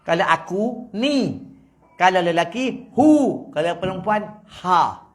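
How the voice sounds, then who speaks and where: A man with a Malaysian Malay accent giving a humorous religious lecture in a prayer hall, teasing his audience and swinging between loud and soft. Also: sits high, very animated, slow. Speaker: preacher.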